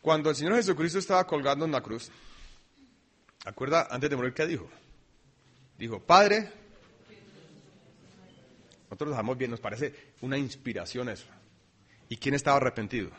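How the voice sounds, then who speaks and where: A man preaching a sermon, swinging between loud emphasis and quiet asides. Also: medium pitch, a little fast, long pauses, husky. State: dry throat, coughing.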